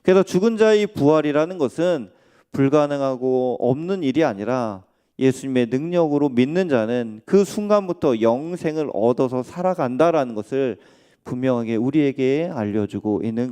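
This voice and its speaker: A man preaching a sermon in a church, with a warm, mellow voice at an ordinary middle pitch. He speaks conversationally and keeps asking his listeners questions. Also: clean tone. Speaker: pastor. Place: church sanctuary.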